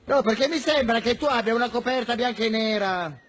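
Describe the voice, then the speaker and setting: An actor playing a hungry, scheming wolf in a children's TV fantasy, grandiose, self-pitying and full of exclamations. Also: male voice, very high-pitched, brisk, a bit bright. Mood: blustering. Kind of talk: theatrical children's television acting. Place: indoor television studio set.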